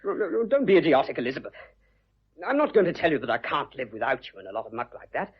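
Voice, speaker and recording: A man playing an earnest, awkward young businessman in love, talking in a blustering, gruffly tender way in a radio play. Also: mid-range voice, very animated, fast. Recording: dull lo-fi recording.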